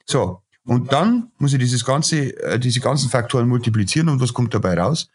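His voice is mid-range and husky, with a sing-song lilt at normal speed: a middle-aged chef and restaurateur in a casual podcast interview. He rants bluntly, full of fillers and repeatedly beginning sentences over.

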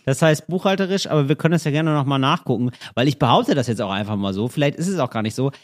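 A man co-hosting a comedy podcast, rambling playfully and slipping into high, silly bits. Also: lively intonation, fast. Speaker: podcast co-host. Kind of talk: casual comedic chat.

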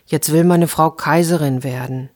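A woman's voice: low-pitched, normal speed, a little mellow, natural voice. A woman voicing a poor, meek fisherman in a fairy tale, worried and reluctant, chanting his rhyme in a sing-song. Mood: fretful.

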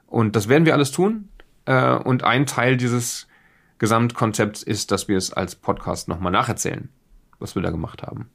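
A man hosts a podcast, opening it with a casual, unscripted introduction that rambles along in a self-deprecating, off-the-cuff way. His mid-range voice is gravelly and a bit bright, and he talks at a normal speed.

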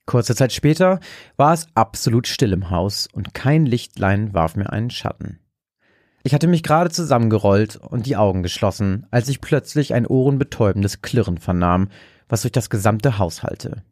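A man narrating a dark horror story in a slow, measured way. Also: on the low side, no room sound, clean studio sound. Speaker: podcast host and story narrator.

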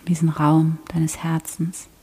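A woman guiding a prayer meditation in a soft, slow, half-whispered voice. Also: low voice, completely flat delivery, husky, rough recording. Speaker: prayer guide.

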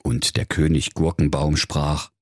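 A man's voice: very deep voice, flat delivery, a little slow, no echo, clean studio sound. A middle-aged man with a Saxon accent narrating a comic fairy tale playfully for children. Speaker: storyteller.

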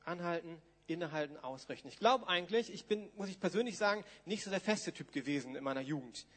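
A man's voice: a little high, lively intonation, quick pace, a bit bright. A man, preaching informally to a congregation and reading scripture aloud in a church hall. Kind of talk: sermon with Bible reading. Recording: long hall reverb.

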